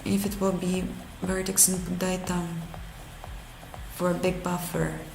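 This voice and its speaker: A woman from Russia, speaking with a Russian accent, streams herself coding a game engine, voicing her reasoning and responding to chat in halting English she repeatedly corrects. Her lowish voice is creaky and barely moves in pitch, and the roomy recording has music behind it.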